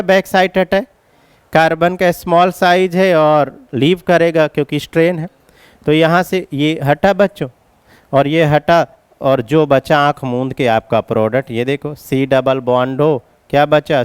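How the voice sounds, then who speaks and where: Crisp-voiced male chemistry teacher. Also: a little high, steady tone, unhurried, no room sound. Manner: explains step by step, addresses students as children. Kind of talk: classroom lecture at a board.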